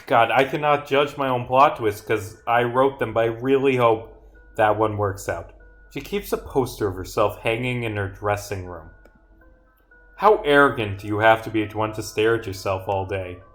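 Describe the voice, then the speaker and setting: During a live stream of his own game, a man in a mid-range voice reads lines of dialogue aloud, rambling through his thoughts and tossing in some swearing.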